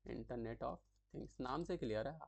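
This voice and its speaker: A man giving a casual tutorial, explaining acronyms in a chatty way, often repeating terms slowly and checking in with the listener as he writes them out. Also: mid-range voice, gravelly, slightly rough, no room sound.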